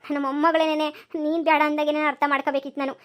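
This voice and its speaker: Woman voicing a remorseful elderly cartoon mother-in-law, brisk high voice. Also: level tone, a bit bright. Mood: pleading. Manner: pleading, self-reproaching. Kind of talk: cartoon voice acting.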